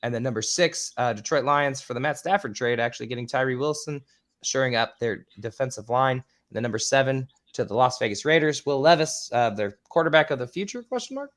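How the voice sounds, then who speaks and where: A man hosting a casual podcast, rattling off a list with filler ums and casual swearing, his voice a bit squeaky. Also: brisk, a bit bright. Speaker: podcast host.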